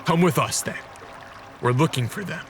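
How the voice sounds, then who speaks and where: An actor playing Dracula, an earnest, commanding vampire leader, in a serialized radio drama with grave, measured speech. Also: male voice, a little high, natural voice. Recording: loud music bed behind voice.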